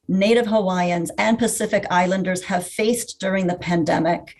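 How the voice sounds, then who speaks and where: A woman on a school's staff giving a prepared welcoming speech in an earnest, measured way. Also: medium pitch. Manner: earnest, measured, listing values one by one.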